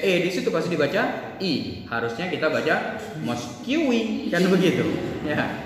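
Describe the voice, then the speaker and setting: A man's voice: a little high, a little hiss or hum. A man teaching a class in a conversational way, often asking the students questions. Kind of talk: classroom lesson. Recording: echoey room from far off.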